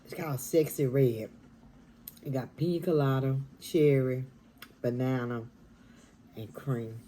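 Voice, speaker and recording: A woman, chatting casually while eating on camera in her dining room, talking softly and half-whispering. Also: rumbling low, a little slow, a little hiss or hum, poor audio. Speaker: mukbang vlogger.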